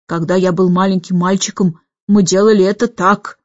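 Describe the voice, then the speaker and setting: A woman voicing a self-important elderly male park keeper who gives orders in a lowered voice. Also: fairly even intonation, normal speed, a little mellow, no echo, close to an everyday voice. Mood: commanding. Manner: pompous, commanding. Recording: dull lo-fi audiobook with faint music.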